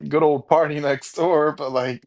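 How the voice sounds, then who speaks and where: A man hosting a reaction video, rambling with halting restarts and blunt opinions. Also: a little high, fairly even intonation, a little mellow. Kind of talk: casual reaction commentary.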